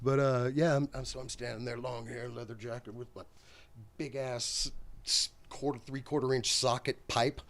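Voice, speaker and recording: A man's voice: mid-range voice, fairly even intonation, moderate pace, a bit bright. A middle-aged man telling a rambling backstage story as a podcast guest, slangy and laughing often. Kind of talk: casual storytelling chat.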